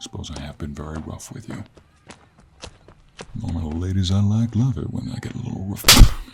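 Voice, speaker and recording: A man performs an intimate one-sided audio roleplay as a gruff yet gentlemanly cowboy monster hunter, with a gravelly, husky, low-pitched voice, an American Western accent, and a slow, courteous drawl. His mood is teasing, and the recording is very noisy.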